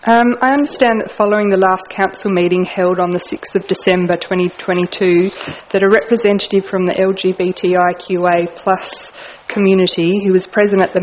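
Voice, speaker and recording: Flat-voiced councilwoman. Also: fairly low pitch. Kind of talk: formal meeting remarks. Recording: dull lo-fi recording with faint noise.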